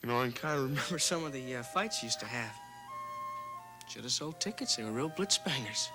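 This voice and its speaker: A man's voice: medium pitch, expressive, brisk, music in the background, close to an everyday voice. A man playing a young adult son in a television drama, casual, frank and affectionate with a wry edge. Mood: frank, reflective.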